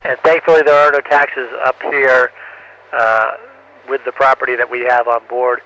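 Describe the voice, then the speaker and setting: Students question an astronaut on board the space station, and he replies haltingly with frequent fillers, always finishing with "over". His medium-pitched voice is pushed and bright with a level tone, and the recording itself is dry. The radio downlink comes through muffled, with faint static, and breaks up.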